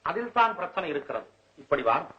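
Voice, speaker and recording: A man's voice: fairly high pitch, big pitch swings, normal speed, slightly rough, lo-fi sound, full character voice. A man playing a stern, proud older male court poet, formal and lecturing, in a comic scene reenactment.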